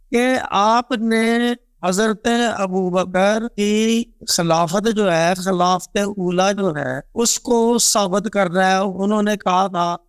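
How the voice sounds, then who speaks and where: A man with a high, smooth voice moderating a tense debate. He pushes firmly for evidence and argues back. The sound is dry and close. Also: dry recording. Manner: presses for evidence, argumentative.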